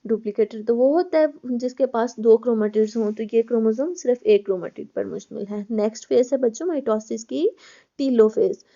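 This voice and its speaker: A woman's voice: a little high, brisk, creaky, mellow. Woman lecturing, dull lo-fi recording. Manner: explains step by step, addresses students as children, repeats words. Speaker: college biology lecturer.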